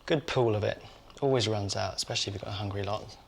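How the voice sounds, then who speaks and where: A man's voice: lowish voice, fast, gravelly, slight background noise. A man hosting a cooking show, chatting casually as he prepares food in his kitchen. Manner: chatty, talks while cooking and tasting. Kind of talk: cooking demonstration.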